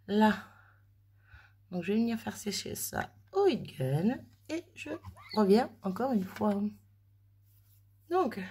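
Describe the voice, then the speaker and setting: Slow, gravelly-voiced woman crafting. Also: mid-range voice, darkish tone, a little hiss or hum. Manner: chatty, self-deprecating, thinking aloud while working. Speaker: crafter demonstrating mixed-media art. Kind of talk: casual craft tutorial narration. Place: home craft room with oven running in background.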